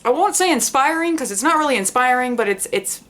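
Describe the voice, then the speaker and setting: This young book vlogger has a high-pitched, slightly bright voice that moves along fairly quickly with lively intonation. Hosting her channel, she gives a casual book review to camera, rambling, self-deprecating and informal, with swearing.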